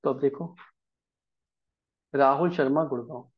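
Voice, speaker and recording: A man's voice: medium pitch, fairly even intonation, unhurried, highs cut off. A man teaching a programming lesson in Hindi, explaining step by step and often checking whether the class follows. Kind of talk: live coding lesson.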